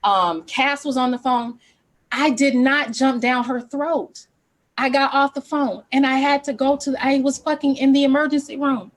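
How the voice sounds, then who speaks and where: A woman's voice: high voice, steady tone, normal speed. A woman talking on a casual group call, defending herself with emphatic, profane storytelling.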